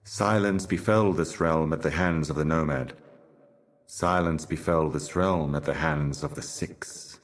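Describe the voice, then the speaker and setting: An actor playing a solemn otherworldly herald of cosmic horrors in a video game, speaking in an ominous, grandiose and cryptic theatrical manner. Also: male voice, a bass voice, measured pace. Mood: grave, cryptic. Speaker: game character, messenger and guardian.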